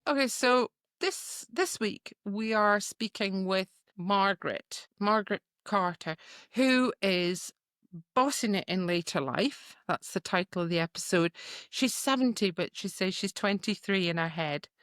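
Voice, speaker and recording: Middle-aged woman co-host, easygoing chatter with frequent laughs, medium pitch, dry close sound. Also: unhurried, dry recording. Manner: chatty, laughs often, animated. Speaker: podcast co-host. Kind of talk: casual chat.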